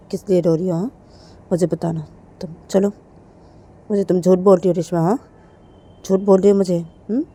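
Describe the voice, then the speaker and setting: A woman's voice: lowish voice, warm tone, lightly acted. A woman doing a stern scolding mother. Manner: scolding, demanding, insistent questioning. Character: stern angry mother interrogating her daughters.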